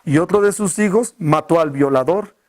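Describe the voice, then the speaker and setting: A male pastor preaches at a moderate pace, firing off rhetorical questions at the congregation. He drops his voice low and quiet to stress key words.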